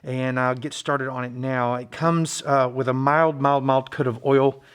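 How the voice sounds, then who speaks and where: Male hobbyist host, mid-pitched, low-key and halting, slightly muffled behind a mask, casual workshop narration. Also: flat delivery, a bit bright, clean tone. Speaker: hobbyist knife maker and video host. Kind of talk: casual hands-on build vlog narration. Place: friend's basement workshop.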